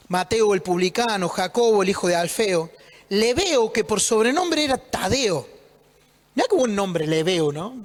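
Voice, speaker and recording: A pastor preaches in a loose, conversational way, teasing his congregation and asking himself questions. His voice sits unusually high for a man. It rings with the long reverb of a church hall. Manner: conversational, joking, asks rhetorical questions. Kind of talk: sermon.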